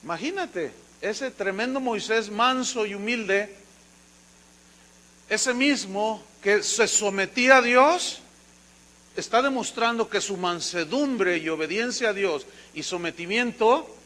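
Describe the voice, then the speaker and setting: A Mexican pastor preaching a sermon in a high, bright voice. He tells stories in a lively way and slips into voices for the characters. His delivery is animated and expressive. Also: takes it slowly, low-quality recording. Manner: lively storytelling, acting out voices.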